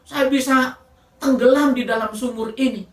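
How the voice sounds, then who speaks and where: A man's voice: extremely high pitch, fairly even intonation, normal speed, echoey room, far from the mic. A woman voicing a desperate male hunter trapped in a flooding well, pleading in frantic repeated prayers.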